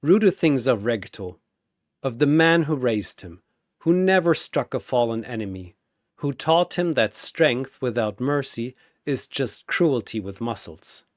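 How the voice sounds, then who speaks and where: Dramatic battle narration comes from a man speaking deliberately, his expressive, theatrical voice ranging widely in pitch as he builds suspense. It's recorded close and dry, with no room sound.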